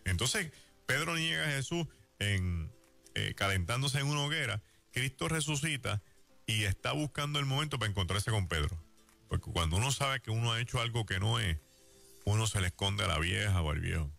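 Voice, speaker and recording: Deep gravelly Puerto Rican preacher. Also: male voice, brisk, faint music behind. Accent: Puerto Rican Spanish. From Puerto Rico. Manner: lively storytelling that acts out quoted voices. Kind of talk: sermon.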